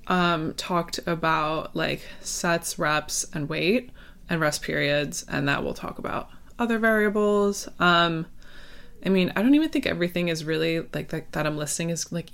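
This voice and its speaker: A young adult woman chatting casually as a solo podcast host, rambling and hesitant, with girly informal speech and lots of "like" filler. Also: lowish voice.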